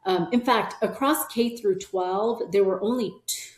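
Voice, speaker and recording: In a reflective conversational interview, a middle-aged woman who is a company CEO appears as a podcast guest. Korean is her first language; she is from South Korea and was raised in Arkansas. Her medium-pitched voice is earnest and measured, she often affirms with "yeah", and the recording has a roomy echo.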